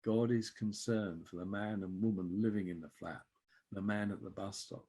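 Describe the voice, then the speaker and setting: Older man, low-pitched and a touch husky; an interview guest telling reflective anecdotes with easy chuckles. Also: fairly even intonation, normal speed, mellow. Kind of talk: conversational storytelling.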